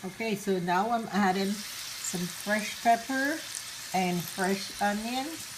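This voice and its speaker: Cooking show host, woman, slightly sick voice, relaxed chatty delivery, recorded in a noisy home kitchen. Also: mid-range voice, slow. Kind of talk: casual cooking demonstration. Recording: clattering kitchen noise behind. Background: pots, dishes and cutlery.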